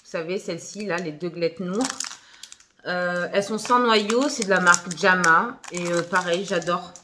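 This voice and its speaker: A woman's voice: fairly low pitch, normal speed, background noise. A young woman chatting casually through a shopping haul video at home, full of fillers and little laughs. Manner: chatty, filler-heavy, giggly asides. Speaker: vlogger.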